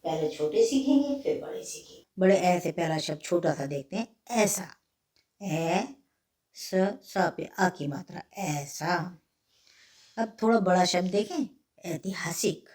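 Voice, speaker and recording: A woman's voice: lowish voice, slow pace, darkish tone, recorded from a distance. A woman teaching spelling, breaking each word into letters and repeating it. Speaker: Hindi teacher. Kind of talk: slow spelling lesson.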